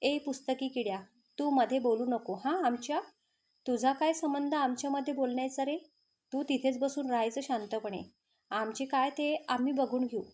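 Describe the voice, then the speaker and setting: A jealous young man with a short fuse snaps angry taunts at his rival, as a woman storyteller reads his lines. The voice sits high. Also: moderate pace, a little mellow, close to an everyday voice.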